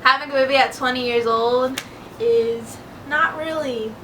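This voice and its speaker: A twenty-year-old woman chats easygoingly in a vlog Q&A, her voice sitting a little high and pausing on frequent ums. She sounds set back from the mic, with a clear hiss of background noise behind her. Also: a bit bright, distant mic, poor audio. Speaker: vlog co-host. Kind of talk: casual Q&A chat.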